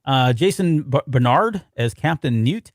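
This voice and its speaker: A man's voice: mid-range voice, animated, measured pace, dry recording, studio quality. Laughing man rambling through memories. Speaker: podcast co-host. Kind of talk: casual chat about a novel.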